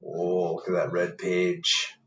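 A man in his fifties reads a picture book aloud in a book-lined room at home, adding casual asides and questions for the children listening. His low, slightly bright voice is completely flat, and he takes it slowly.

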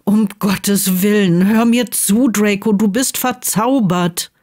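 Woman reading a troubled young male wizard, quiet, insistent, pleading, mid-pitched, storybook. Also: slow, close to an everyday voice.

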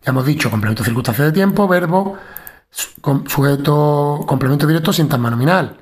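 A man's voice: on the high side, expressive, brisk. A male teacher walking students through a syntax lesson in an explanatory tone, often checking in with "¿vale?".

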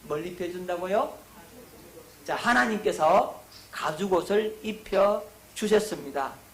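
In an echoey room, a middle-aged pastor delivers a slow sermon lecture, posing questions to the congregation and then answering them himself. On key points, his voice climbs in pitch and grows louder.

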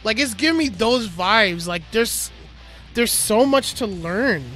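A young man commentating his own fighting-game matches, panicking, cheering and talking himself calm. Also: sits high, slow, faint music behind. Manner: excitable, shouts and panics during fights; talks himself calm with repeated okays. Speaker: gaming streamer. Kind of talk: live gameplay commentary.

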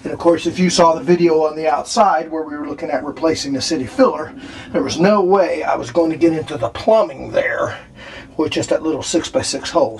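A man's voice: a little high, husky. A man narrating a do-it-yourself repair tour, rambling with many fillers and restarts, filmed in a small RV bathroom. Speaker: RV renovation vlogger. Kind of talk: casual walkthrough narration.

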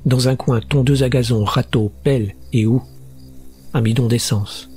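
An audiobook narrator with a medium-pitched voice reads a horror short story steadily and measuredly, building tension along the way, with faint music in the background.

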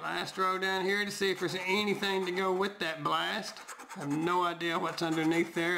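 A man, hoarse tonight, chatting casually to viewers as he scratches lottery tickets and reads the numbers aloud. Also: high-pitched, bright, forceful tone, slight background noise. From Tennessee, US. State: voice going hoarse.

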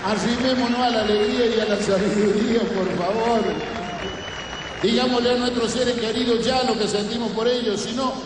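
A man with a Cordobés Argentine accent doing a folksy comic monologue, telling stories slowly. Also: extremely high pitch, roomy sound, a crowd in the background, noisy background. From Córdoba, Argentina. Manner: folksy, storytelling, slow and relaxed. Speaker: stand-up comedian.

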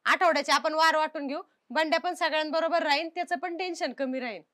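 Bright high-voiced woman in a village sketch. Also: quick pace. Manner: soothing, takes charge of the group. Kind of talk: comedy sketch acting.

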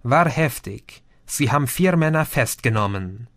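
A man voicing a calm young man who reports events in a matter-of-fact way. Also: mid-range voice, unhurried.

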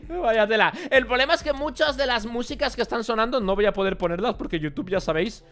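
A young man with a Spain Spanish accent gives casual reaction commentary as a YouTuber, jumping between loud exclamations and muttered asides. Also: very high-pitched, fast talker, soft background music.

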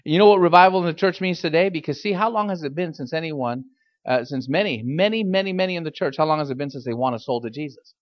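High-pitched man preaching a fiery sermon. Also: fast talker, dull audio. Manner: emphatic, exhorting, repeats phrases and puts pointed questions to listeners. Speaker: pastor.

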